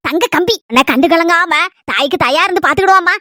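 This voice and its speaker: A doting old village grandmother with a Kanyakumari Tamil accent, put on by a woman, rambling fondly and calling everyone her dear. The voice is high and bright, and it runs along quickly. The comedy-skit recording is dry and close. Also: no room sound.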